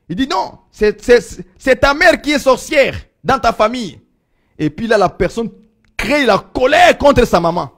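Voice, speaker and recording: A man preaching a sermon, swinging from loud proclaiming to low murmurs.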